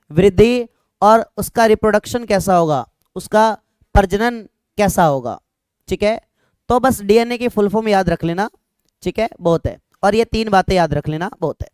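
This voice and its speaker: Smooth-voiced young male teacher. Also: high-pitched, no echo. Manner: conversational, repeats "ठीक है" often, jokes with students. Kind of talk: classroom lecture. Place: classroom with students.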